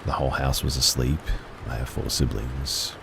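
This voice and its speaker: Very deep-voiced man narrating horror. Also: flat delivery, moderate pace, vocal fry, a little hiss or hum, poor audio.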